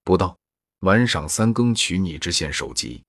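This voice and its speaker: Deep, husky male storyteller. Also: sing-song, moderate pace, a bit bright, no room sound, clean studio sound. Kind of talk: reading a classical novel aloud.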